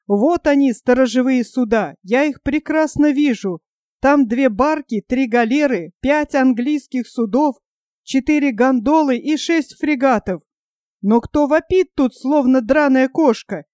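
A woman's voice: high-pitched, unhurried, dry recording, clean studio sound. A woman doing a commanding giant prince. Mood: rallying. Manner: loud, rallying calls. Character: giant male hero-prince, commanding and cheerful.

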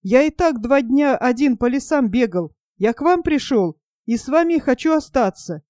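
A woman's voice: sits high, expressive, moderate pace, a little mellow, no room sound, clean studio sound. Woman voicing a stubborn teenage boy. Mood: insistent. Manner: earnest and insistent.

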